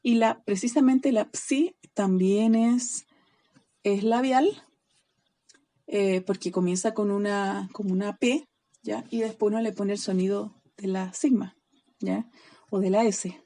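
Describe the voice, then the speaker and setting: A woman teaching a recorded online class, patiently spelling out word endings and checking in with a quick "ya?" after nearly every line. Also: medium pitch, steady tone, mellow. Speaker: Greek teacher.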